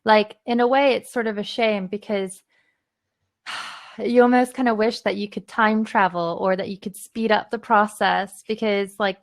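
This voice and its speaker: A woman's voice: mid-range voice, vocal fry. A woman podcast host speaking in a thoughtful, agreeing way, with sighs between points. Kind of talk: conversational interview.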